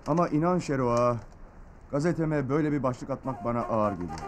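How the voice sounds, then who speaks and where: A man's voice: medium pitch, lively intonation, quick pace, background noise, lightly acted. An actor playing a weary newspaper man who sounds reluctant. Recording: music behind.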